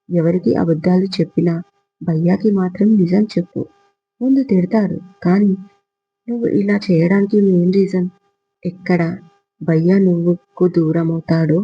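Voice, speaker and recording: A man voicing a confident young male friend who gives brisk, bossy, reassuring advice, in a storybook reading. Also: sits high, slightly rough, muffled recording.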